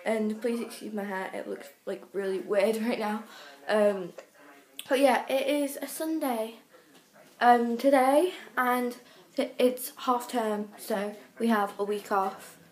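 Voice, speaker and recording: A teenage girl rambles casually into her phone camera, self-conscious and chatty. Her voice sits a bit high. The phone audio sounds echoey, as if the room is bouncing it back. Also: slow. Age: teens. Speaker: vlogger. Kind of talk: casual vlog talk to camera. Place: home rooms, then restaurant and bathroom. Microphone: phone held at arm's length.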